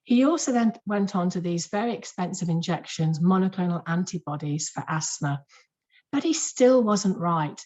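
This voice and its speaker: A woman, a clinician, giving a lively and emphatic webinar lecture to health professionals in a conversational way, repeating words for stress. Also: on the low side, moderate pace. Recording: muffled lo-fi webinar audio.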